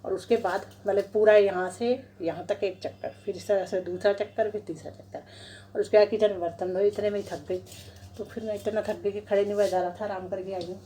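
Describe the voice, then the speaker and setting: Her voice is medium in pitch and warm, fairly even in intonation and a little quick, as this middle-aged Delhi woman chats through her chores for a vlog. The Indian vlogger describes each task step by step, recorded roughly on a phone in her kitchen and balcony with slight background noise.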